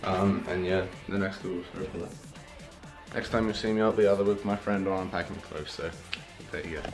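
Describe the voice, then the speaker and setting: A young man talking casually to camera as a vlogger, relaxed and rambling. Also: sits low, fairly quick, roomy sound, music in the background, rough recording. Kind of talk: casual vlog talk to camera.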